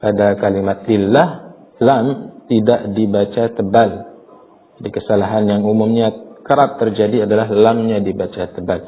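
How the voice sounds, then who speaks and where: A man teaching Quran recitation, patiently explaining mistakes and chanting verses slowly as examples. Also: fairly low pitch, steady tone, in a large hall. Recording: tinny phone-like audio.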